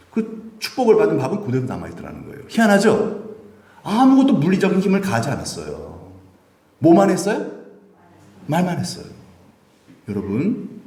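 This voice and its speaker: A man's voice: mid-range voice, a little mellow. A male pastor preaching a Sunday sermon, asking his congregation questions and answering them himself. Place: church sanctuary. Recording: echoey church from a distance.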